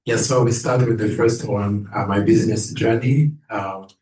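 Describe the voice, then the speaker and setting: A man from Rwanda giving a presentation to a club meeting, halting with many pauses and fillers. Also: on the low side, fairly even intonation, darkish tone. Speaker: guest speaker at a club meeting. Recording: echoey room, mic from a distance.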